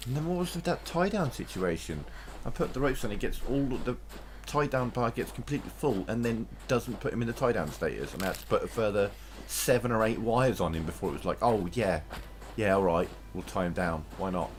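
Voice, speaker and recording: A man's voice: mid-range voice, expressive, brisk, background noise. A man streaming a video game, grumbling and swearing his way through a profane rant. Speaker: gamer streaming a let's play. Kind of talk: let's play commentary. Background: game music.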